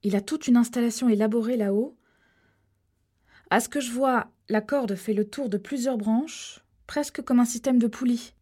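A woman's voice: on the high side, normal speed, warm tone, slightly rough, voice pushed up. A woman reading aloud, voicing a nervous man who swears under strain. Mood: tense. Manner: strained, exasperated outbursts. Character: nervous male climber, tense and sweary.

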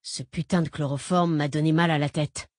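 A woman's voice: sits low, fairly even intonation, normal speed, dry recording, studio quality. A woman reading a defiant captive male lawyer. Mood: sneering. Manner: blustering, cursing. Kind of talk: audiobook character reading.

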